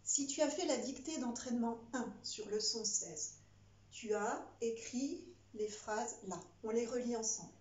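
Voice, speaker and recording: A woman teacher dictating to a child word by word, spelling out words, pausing and explaining as she goes. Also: fairly high pitch, a little mellow. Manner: instructive, addressing one pupil directly. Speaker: primary school teacher. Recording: echoey room, slightly muffled sound.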